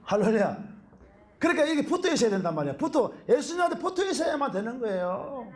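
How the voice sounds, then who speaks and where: A middle-aged Korean pastor, preaching a sermon in an animated way and often calling out hallelujah. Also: male voice, very high voice, quick pace.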